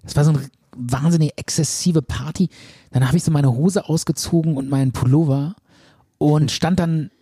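A man's voice: a little high, fairly even intonation, moderate pace, dark tone, breathy edge, no room sound, studio quality. A man co-hosting a podcast, telling a dream in a rambling, hesitant way with many fillers. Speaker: podcast co-host. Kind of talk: casual chat, telling a dream.

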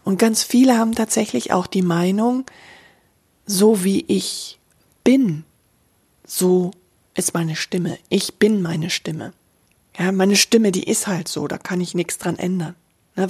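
A woman teaches about the voice in a calm, explanatory way, addressing the listener directly as a coach would. Her tone is soft and breathy, sitting at an ordinary middle pitch. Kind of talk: spoken voice lesson.

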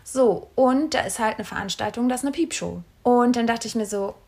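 A woman's voice: on the high side, normal speed, a little mellow. A young woman casually retelling a relationship story, acting out quoted dialogue with lots of fillers. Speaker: podcast co-host.

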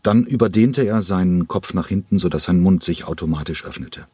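Deep husky male audiobook narrator. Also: a little fast, a little mellow, dry recording. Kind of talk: scripted thriller narration.

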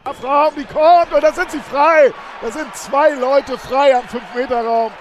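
A man's voice: very high voice, fairly even intonation, measured pace, a little hiss or hum. A man doing screaming, exasperated goal commentary as a football commentator on fan radio. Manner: exasperated, shouting. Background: stadium crowd.

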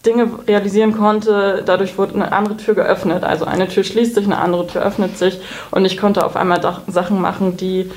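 A woman's voice: mid-range voice, level tone, a little fast, few pauses, darkish tone. Candid woman telling her story. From Germany. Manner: open, candid storytelling with restarts. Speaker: guest. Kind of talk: conversational interview.

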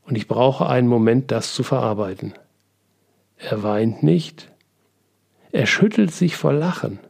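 A man reading a first-person memoir aloud in a calm, reflective manner, as the narrator of a book podcast. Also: medium pitch, vocal fry. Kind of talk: audiobook reading.

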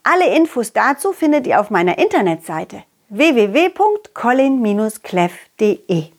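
Speaking at normal speed, the puppeteer gives her loyal, confident dog hero a friendly, hopeful mood. The high, excitable voice stays animated and giggly with youthful enthusiasm as she narrates the children's story to her audience.

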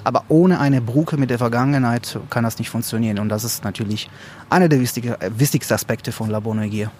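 A man answering interview questions as a lecturer, speaking haltingly with many fillers. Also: medium pitch, a little mellow, slight background noise.

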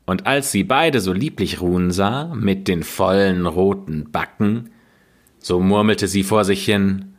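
A man narrating a fairy tale in a slow, expressive reading. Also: low-pitched. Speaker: storyteller.

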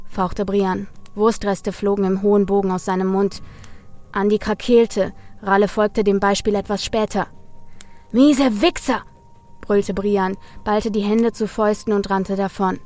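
A woman reading a story aloud in a measured, even manner. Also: mid-range voice. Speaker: narrator. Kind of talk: audiobook narration.

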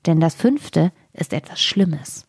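A woman's voice: deep voice, animated, slow pace, gravelly, a little mellow, husky, no echo, studio quality, exaggerated voice. A woman voicing a sly little peasant trickster in a storybook tale, speaking in a raised, cheerful tone.

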